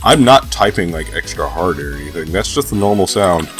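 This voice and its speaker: A man's voice: sits low, expressive, brisk, over music. A young man with a stuffy nose from a cold, rambling casually and swearing freely as he vlogs about gaming. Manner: laid-back, profane, hesitant rambling. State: sick with a cold. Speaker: gaming vlogger.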